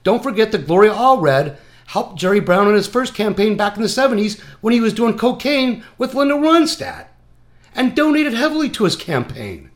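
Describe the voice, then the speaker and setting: A man's voice: high-pitched, sing-song, normal speed. A man calling in to a talk show, delivering a rambling, crude, mocking rant. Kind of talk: ranting call-in monologue.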